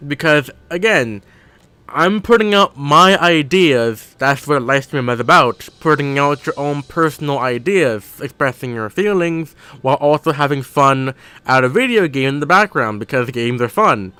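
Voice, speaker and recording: Slow, rambling bright-voiced man. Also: a little high, animated, clean tone, no echo. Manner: rambling, thinks aloud, corrects himself. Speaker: gaming streamer. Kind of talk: casual live-stream commentary while gaming.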